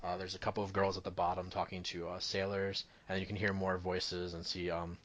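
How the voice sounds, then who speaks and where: A man's voice: low voice, monotone, brisk, highs cut off, heavy background noise. Laid-back man narrating a tabletop game. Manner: rambling descriptive narration with frequent ums. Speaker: dungeon master.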